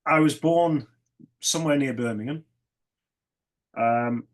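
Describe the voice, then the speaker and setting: Croaky middle-aged man with a cold. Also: mid-range voice, takes it slowly. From North Wales. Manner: dry, understated humour. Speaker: guest, ecologist. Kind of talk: casual interview.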